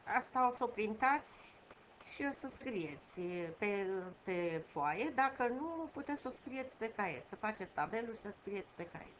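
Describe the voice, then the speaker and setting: A woman teaching a lesson for young children, patient and repeating key words slowly. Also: on the high side, expressive. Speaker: primary school teacher. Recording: dull home recording with faint noise.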